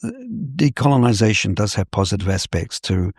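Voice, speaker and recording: Older gravelly scholar from New Zealand. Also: male voice, lowish voice, wildly swooping pitch, dry recording, clean studio sound. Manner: measured, professorial. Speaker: scholar guest. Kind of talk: interview.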